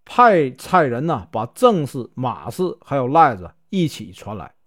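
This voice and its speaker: A man's voice: medium pitch, big pitch swings, unhurried. A male storyteller voicing a shabby, cunning old monk who speaks slyly and easily.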